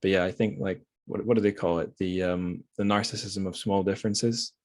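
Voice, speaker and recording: This podcast host from Scotland has a low, somewhat mellow voice and talks fairly quickly in a steady tone, captured at studio quality without echo. He reflects casually on books, rambling wryly and correcting himself as he goes.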